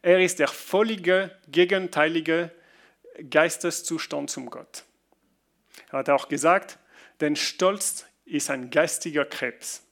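Guy preaching, kinda gravelly, a bit high, stops and restarts a lot. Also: a bit bright. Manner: halting non-native German with restarts, reads Bible passages slowly. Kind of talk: sermon.

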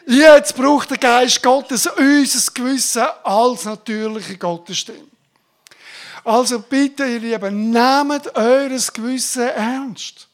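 Woman preacher, higher-pitched, fervent and informal sermon delivery with exclamations. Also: slow. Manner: fervent, exclaiming bursts of praise; addresses congregation directly, informal.

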